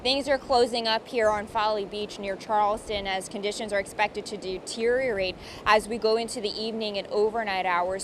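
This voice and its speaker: Woman weather reporter, faint ambient noise. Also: mid-range voice. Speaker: meteorologist reporting live. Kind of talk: live TV weather field reporting, explanatory.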